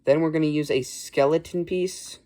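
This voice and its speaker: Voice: mid-range voice, fairly even intonation, normal speed, mellow. A host talking through a casual building tutorial in a chatty, rambling way, full of "like" and "um" and restarting sentences mid-thought. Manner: chatty, rambling explanations with fillers and self-corrections. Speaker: toy building channel host.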